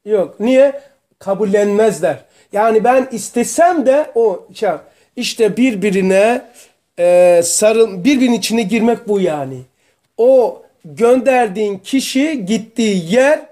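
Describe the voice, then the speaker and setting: A man teaching a religious study group, explaining terms slowly and asking his students questions. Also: high-pitched, darkish tone. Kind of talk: religious lesson to a small group.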